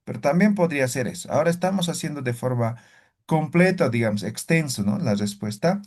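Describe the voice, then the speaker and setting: A man's voice: fairly high pitch, brisk. A man teaching an online Aymara language class, often checking in with "¿ya?" and "¿no ve?". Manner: animated, exaggerates rises and falls to demonstrate.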